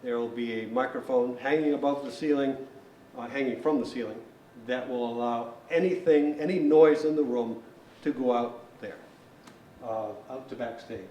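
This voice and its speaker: A technician instructor gives a hands-on equipment tutorial in a large hall, explaining methodically and plainly in a mellow, medium-pitched voice at normal speed. The distant mic picks up roomy echo and faint noise.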